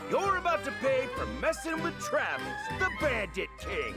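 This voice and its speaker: A man voicing a gruff, boastful bandit king and proud father in a video game. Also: very high-pitched, huge pitch swings, normal speed, exaggerated voice. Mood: boastful menace. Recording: loud game music underneath.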